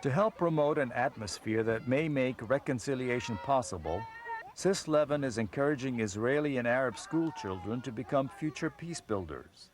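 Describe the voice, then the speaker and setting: A man reading a scripted documentary narration in a measured, even voice-over. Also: mid-range voice, noisy background.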